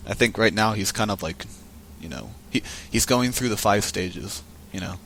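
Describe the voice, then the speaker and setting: Man, casual card game commentary, lowish voice, thinking aloud, faint hiss behind. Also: moderate pace, creaky, fairly bright tone. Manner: chatty, thinking aloud with restarts.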